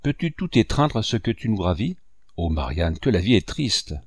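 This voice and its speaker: An old male painter, sorrowful and indignant, pleading with wounded passion in a low, gravelly voice, as a man reads him in a storybook. The delivery is dry and close. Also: very animated, moderate pace, darkish tone, no room sound, exaggerated voice. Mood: lamenting.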